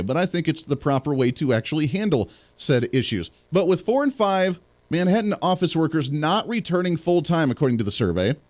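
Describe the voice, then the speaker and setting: A man's voice: a little high, a little mellow. A man hosting a political talk show, joking and rambling through sarcastic asides as he chats to his audience. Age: young adult or middle-aged parent. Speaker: host.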